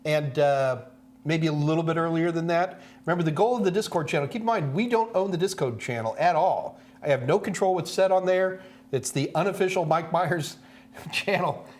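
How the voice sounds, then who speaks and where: A man's voice: on the high side, normal speed, darkish tone. A man from the Houston area, hosting a casual live question-and-answer stream in a folksy, joking manner. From Houston, Texas area. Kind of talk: casual livestream chat. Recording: clear background noise with hum.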